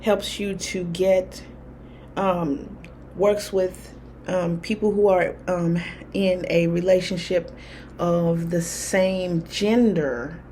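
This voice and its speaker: Talking to camera in a loose, personal way, a woman who vlogs about spirituality meanders through her thoughts with plenty of filler words. Her lowish voice is warm and slow, with fairly even intonation, against a little background noise.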